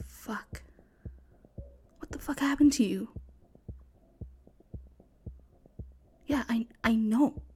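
A young woman voicing a panicked sorority sister hiding from a killer, talking in hushed, frantic whispers and swearing often. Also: fairly high pitch, slightly rough, heavily acted. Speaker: voice actor in an audio roleplay. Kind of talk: one-sided audio roleplay.

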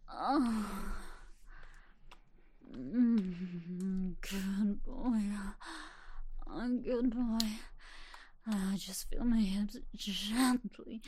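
Soft-voiced woman, slow and whispery. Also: medium pitch, slight background noise. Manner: soft, doting, often whispering. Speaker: audio roleplay performer. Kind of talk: intimate whispered audio roleplay.

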